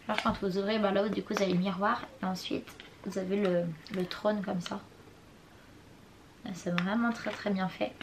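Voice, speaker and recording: A woman's voice: mid-range voice, steady tone, normal speed, slight background noise. Chatty young woman, makeup haul vlog. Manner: chatty, hesitant over product names, apologetic about pronunciation. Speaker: beauty vlogger. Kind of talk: casual makeup collection show-and-tell. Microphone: compact camera mic.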